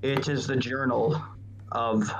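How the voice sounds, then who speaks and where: A man's voice: medium pitch, moderate pace, fairly bright tone, highs cut off, soft background music. A man talking casually as a player in a tabletop game, describing what his character does.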